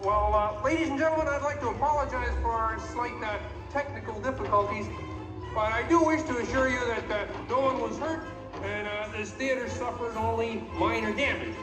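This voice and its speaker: A flustered frog puppet hosting a comic show. The voice is very high, earnest and halting. It carries long hall reverb with music behind it. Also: male voice. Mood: flustered, apologetic. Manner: hesitant, apologetic, polite.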